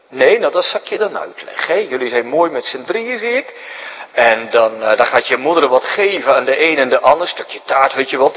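In a church, a man preaches a sermon aimed at explaining things to children, jumping high for emphasis and then dropping to a hushed whisper. The audio is dull and has a long reverb tail.

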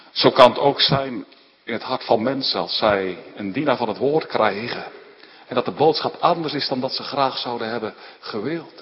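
A man preaching a sermon, retelling scripture with emphatic rises and a frequent tag "hè". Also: medium pitch. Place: church. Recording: dull sound with long church reverb.

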